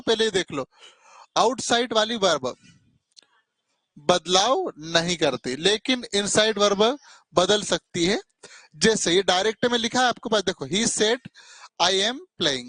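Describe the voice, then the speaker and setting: A man's voice: high-pitched, a bit bright, dry recording. A male teacher giving a classroom grammar lesson, keeping his students engaged with frequent short tag questions and calling them "beta" affectionately. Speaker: English teacher.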